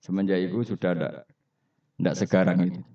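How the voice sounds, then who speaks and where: A man with a Javanese accent preaches a Quran study sermon, telling stories, questioning the audience and drawing laughter. His low voice is steady, brisk and mellow, captured in a roomy, distant, dull hall recording.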